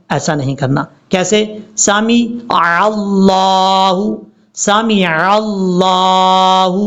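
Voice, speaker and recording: A man teaching a recitation lesson step by step, stretching out each word slowly to show the correct pronunciation. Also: high voice, lo-fi sound. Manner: slow drawn-out demonstration of each word. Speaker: religious teacher.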